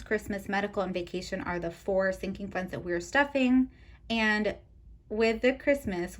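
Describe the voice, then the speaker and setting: A woman talking to her viewers as a budgeting vlogger, casual and chatty. Her pitch sits right in the middle for a woman. She keeps a friendly, direct-to-camera flow, sprinkled with ums. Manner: chatty, talks straight to viewers with frequent ums.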